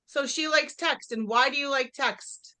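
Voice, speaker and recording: A woman leading a live real estate workshop. She talks straight to the room, quizzes her listeners and acts out short exchanges with clients. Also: high voice. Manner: energetic, talks straight to the audience, quizzes them; acts out quick dialogues with clients.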